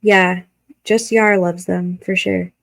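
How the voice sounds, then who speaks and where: A woman's voice: on the low side, steady tone, slow pace, vocal fry. A woman hosting a reaction video, giving blunt, critical commentary and swearing freely.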